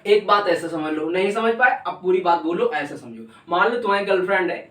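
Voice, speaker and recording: A man's voice: high-pitched, lively intonation, brisk, fairly bright tone. Man, young, casual chatty teaching, distant mic, echoey room. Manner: casual, chatty, keeps asking "ठीक है", jokey examples. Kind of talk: explaining a civics lesson.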